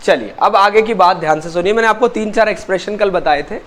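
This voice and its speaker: High-voiced Indian man teaching a class. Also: fast talker, a bit bright. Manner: mixes Hindi and English, quizzes students. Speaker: English teacher. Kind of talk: classroom lesson.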